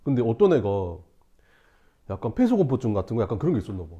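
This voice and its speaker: Animated male teacher telling a story. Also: mid-range voice, fast, muffled recording. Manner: animated, acts out shouts and screams, laughs while telling. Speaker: math teacher. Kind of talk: storytelling to a class.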